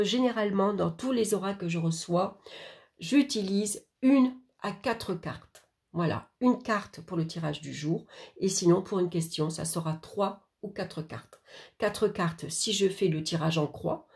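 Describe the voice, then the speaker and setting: A woman's voice: medium pitch, darkish tone. A woman from France casually explaining an oracle card reading, hesitant and chatty, talking straight to the viewer. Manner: hesitant, many fillers and restarts, addresses viewer directly.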